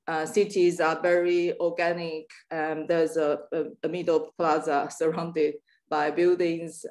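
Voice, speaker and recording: Hesitant low-voiced woman lecturing. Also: darkish tone. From Taiwan. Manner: hesitant, many fillers and restarts. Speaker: guest lecturer in urban planning. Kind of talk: academic lecture over video call. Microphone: video call.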